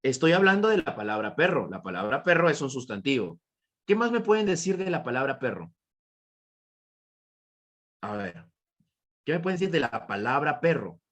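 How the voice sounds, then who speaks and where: A man's voice: mid-range voice, big pitch swings, normal speed, long pauses, fairly bright tone, muffled recording. A man teaching an online class with a Peruvian Spanish accent, repeating his points and asking students questions. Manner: repetitive, questioning students, praising answers.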